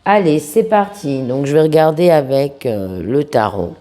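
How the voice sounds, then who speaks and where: A woman with a sick-sounding voice giving an informal tarot reading to viewers, speaking familiarly and affectionately, with halting pauses. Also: deep voice, expressive, dark tone. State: sick-sounding voice, under the weather. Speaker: tarot reader, host of a video channel.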